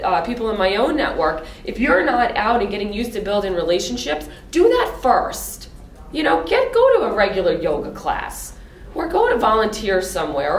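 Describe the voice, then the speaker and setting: A woman speaking on a panel, direct and lively, often laughing as she talks. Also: a little high. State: lozenge in mouth. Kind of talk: panel discussion talk. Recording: echoey room from far off.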